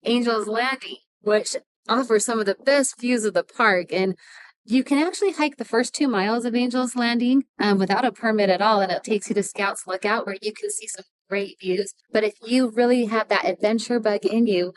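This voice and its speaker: A woman's voice: a little high, moderate pace, dry recording, rough recording. Dry-sounding middle-aged woman. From Utah. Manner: friendly, laughs easily. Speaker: travel channel co-host. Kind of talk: casual travel tips to camera.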